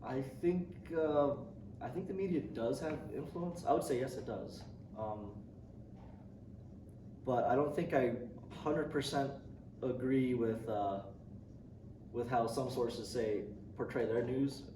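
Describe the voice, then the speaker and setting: Taking his time, a young Indonesian man with a medium-pitched voice answers interview questions as a student. His casual replies are full of ums, restarts and small laughs, picked up by a far-off mic in a noisy, echoey room.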